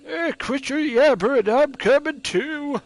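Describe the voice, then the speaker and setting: Grumpy elderly game creature, male player putting it on, crotchety and very high, close dry recording. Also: a little slow, no echo. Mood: grumpy, impatient. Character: grumpy old man elder of a forest creature people. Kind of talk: video game character voice-over read aloud.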